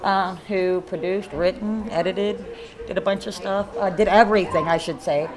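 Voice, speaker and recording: Speaking at normal speed in a steady, mid-range voice, a middle-aged guest paranormal investigator from Kentucky rambles through a casual live interview, full of fillers and false starts. The setting is a haunted hotel event, captured live with crowd chatter in the background.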